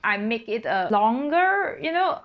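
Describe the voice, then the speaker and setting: A woman's voice: on the high side, sing-song, a little slow, lo-fi sound. A woman, a singer-composer, casually explaining how she wrote her piece, thinking aloud and breaking into sung solfège syllables. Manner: thinking aloud with fillers and self-corrections.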